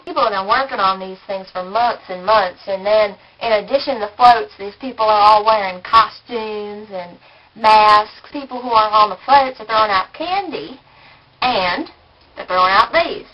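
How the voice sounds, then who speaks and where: A woman putting on a slow texan drawl. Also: medium pitch, dull audio, natural voice. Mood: folksy. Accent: put-on Texan. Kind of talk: vlog.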